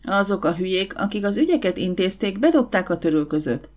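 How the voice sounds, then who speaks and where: A woman's voice: mid-range voice, big pitch swings, a little mellow, lightly acted. A woman voicing a tired, bitter young man, a struggling actor, in an audiobook. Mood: weary. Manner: tired, resigned.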